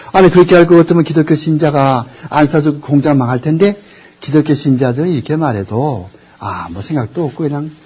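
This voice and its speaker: Lecturing on theology in a classroom, an older man rambles, hunts for the right words and quizzes the audience. He has a husky, warm voice that's on the high side.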